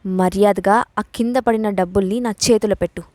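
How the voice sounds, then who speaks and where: A woman's voice: mid-range voice, fairly even intonation, moderate pace, a little mellow, no echo, natural voice. Bold sneering young boss, as a woman narrator reads her. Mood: taunting. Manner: mocking, commanding.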